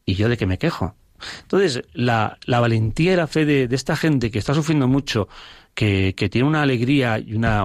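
A parish priest telling stories in an interview, earnest and full of pauses, acting out the people he quotes. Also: medium pitch, dry recording, clean studio sound. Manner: earnest, pauses often, acts out dialogue with rising voice. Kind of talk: reflective storytelling in an interview.

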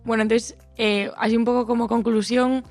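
A woman's voice: fairly high pitch, flat delivery, normal speed, darkish tone, faint music behind. A woman co-hosting a casual radio chat. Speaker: radio co-host.

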